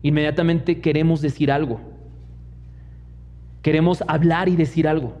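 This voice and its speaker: A man's voice: on the high side, fairly even intonation, normal speed, darkish tone. A young man with a Mexican accent preaching a sermon as pastor, telling personal stories and acting out the voices of the people in them. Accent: Mexican Spanish. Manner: storytelling preacher who mimics others in quoted asides. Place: church hall. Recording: long church hall reverb, dull lo-fi sound.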